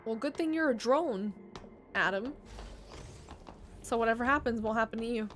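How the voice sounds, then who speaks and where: Chatty high-voiced woman streaming a game. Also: expressive, normal speed, a bit bright. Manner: chatty, swears freely, laughs often. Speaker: livestreamer. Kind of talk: casual gameplay chat. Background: game music.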